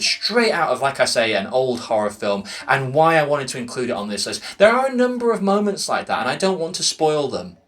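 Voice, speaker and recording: A man casually recommending a film, retelling scenes with enthusiasm and dropping in quick acted quotes. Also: mid-range voice, a bit bright. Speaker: film reviewer.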